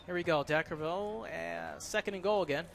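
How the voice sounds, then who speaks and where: A man's voice: a little high, brisk, gravelly. Man calling local football outdoors. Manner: chatty, excited on big plays. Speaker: play-by-play announcer. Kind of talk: live local football commentary. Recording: noisy outdoor broadcast.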